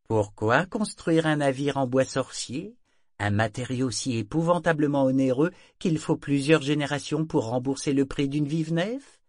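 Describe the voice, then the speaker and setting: A man's voice: mid-range voice, normal speed, darkish tone, no echo, studio quality, pitched above the performer's own voice, natural voice. A man voicing a scheming male dealer who pushes hard to sell a ship, talking in a raised, eager, persuasive voice.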